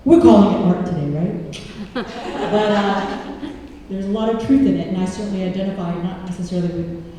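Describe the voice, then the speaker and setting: A woman's voice: mid-range voice, fairly quick, warm tone, slight background noise. A woman hosting a live stage event, talking in a casual, rambling way with many fillers. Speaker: event host. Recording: echoey hall from far off.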